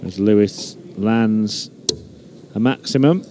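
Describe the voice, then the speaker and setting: A man's voice: lowish voice, slow pace, noisy background. A man giving live sports commentary as a darts commentator.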